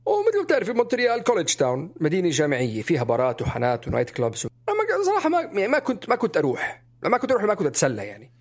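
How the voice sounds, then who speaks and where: A talkative young man, co-hosting a casual podcast and telling personal stories in an animated way. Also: racing, hardly any pauses. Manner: animated, chatty, jumps up in pitch when stressing points. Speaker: podcast co-host.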